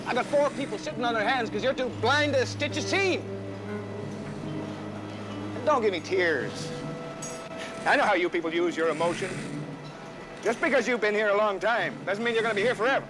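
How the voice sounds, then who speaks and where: A man's voice: high-pitched, normal speed, long pauses, over music, close to an everyday voice. An actor playing a harsh, contemptuous male factory foreman who insults the workers. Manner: abrasive, insulting, barking orders.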